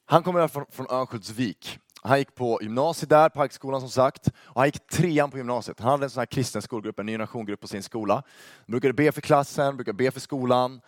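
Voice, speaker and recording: A man's voice: mid-range voice, no room sound. Young guy telling a story to a youth crowd, jokey, asks the room stuff, dry close sound. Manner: lively, joking, addresses the audience directly. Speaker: youth ministry speaker. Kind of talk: storytelling talk to a youth audience.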